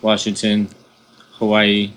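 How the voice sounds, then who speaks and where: A man co-hosting a podcast in casual chat, joking and chiming in with quick remarks. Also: on the low side, completely flat delivery, a bit bright, slight background noise, rough recording. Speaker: podcast co-host.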